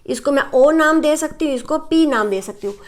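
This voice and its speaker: A young woman with an Indian accent teaches a school maths lesson, explaining each step patiently. Her voice sits high, and she keeps checking in with her pupils, asking "right?" as she goes. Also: a little fast. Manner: explains in Hindi mixed with English terms, checks in with "right?".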